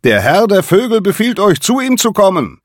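Man doing a shrill, commanding falcon. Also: very animated, normal speed, dry recording, clean studio sound. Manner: shrill shouted calls. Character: commanding male peregrine falcon messenger.

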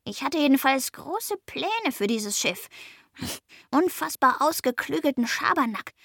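A woman's voice: sits high, very animated, unhurried, creaky, fairly bright tone, dry recording, clean studio sound, pitched above the performer's own voice, heavily acted. A woman voicing a small, grumpy, boastful male goblin who curses and brags in a storybook reading. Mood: grumbling, scheming. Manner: cursing, bragging, grumbling.

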